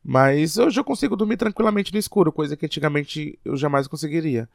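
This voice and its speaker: A man's voice: a little high, fairly quick, gravelly, no echo, clean studio sound. Reflective man. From Piauí, Brazil. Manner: reflective, hesitant, thinks aloud. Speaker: podcast co-host. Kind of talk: casual podcast chat.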